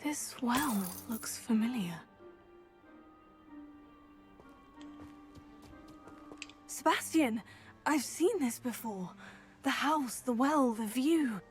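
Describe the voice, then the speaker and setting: A woman's voice: fairly high pitch, lively intonation, soft background music. An actress playing a curious young female witch student, in video game dialogue. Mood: surprised. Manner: inquisitive, quick to notice things.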